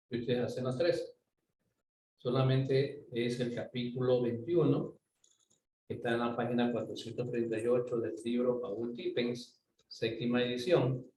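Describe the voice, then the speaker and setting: A man lectures students in a mellow, dark voice, patiently explaining and pausing to ask if they follow. He sounds set back from the mic in an echoey room with a faint hum of ambience behind him. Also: medium pitch. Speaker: university lecturer. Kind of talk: online physics lecture. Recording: roomy, distant mic, faint ambient noise.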